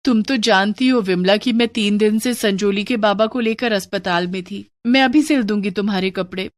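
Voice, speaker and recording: A woman with a medium-pitched, natural voice speaks at a normal speed, acting out a poor seamstress mother in a dramatized Hindi moral story. Humble and worried, she pleads earnestly with those around her. The recording is close and dry, with no echo.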